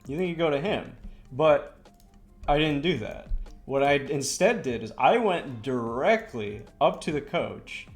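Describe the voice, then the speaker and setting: A man's voice: fairly high pitch, animated, unhurried, faint music behind. A young man, a streamer, telling a story in a casual, rambling way while he draws. He swears a lot and fills his talk with lots of "like" and "you know".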